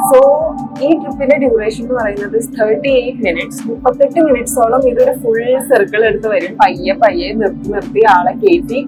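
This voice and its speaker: High-voiced Malayali woman mixing Malayalam and English. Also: rough recording. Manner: mixes Malayalam and English mid-sentence. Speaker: travel vlogger. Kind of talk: casual vlog narration. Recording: music under the voice.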